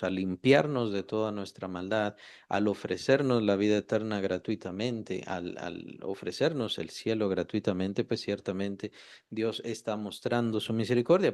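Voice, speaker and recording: Guy teaching bible study, lowish voice, keeps repeating himself and asking questions. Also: darkish tone. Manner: repeats and rephrases key words, many fillers; asks rhetorical questions.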